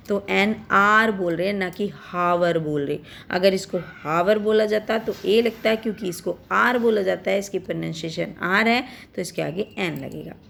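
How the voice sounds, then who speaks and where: A woman teacher takes a class through a worksheet, step by step, and keeps asking questions. Her voice has a gravelly edge at a middling pitch. A faint hiss of noise sits behind her. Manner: reads English examples slowly and clearly. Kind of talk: online worksheet lesson.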